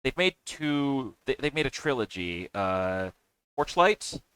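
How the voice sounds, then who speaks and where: Halting, smooth-voiced man chatting. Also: medium pitch, sing-song, a bit bright, dry recording. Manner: halting, many restarts and fillers, laughs often. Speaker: podcast host. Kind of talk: casual podcast chat.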